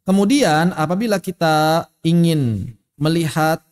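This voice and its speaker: A fairly high-voiced man talks slowly and carefully, with a smooth, resonant tone. He teaches recitation in an online lesson and chants stretched-out examples, and his voice trails in a long reverb. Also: a little mellow. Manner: slow, demonstrates recitation in drawn-out chanted examples.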